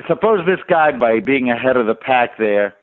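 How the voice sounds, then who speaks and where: A man's voice: medium pitch, expressive, moderate pace, no echo. A man co-hosting a radio talk show who reacts with disbelief and fires off rhetorical questions. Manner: incredulous, asks rhetorical questions. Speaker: radio co-host. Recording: dry, tinny phone-like radio sound.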